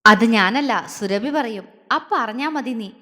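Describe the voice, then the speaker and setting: Female reader playing a stern but tender man, calm and reassuring, long reverb on the voice. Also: a little high, measured pace. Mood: serious. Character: grown man, protective, stern, tender lover.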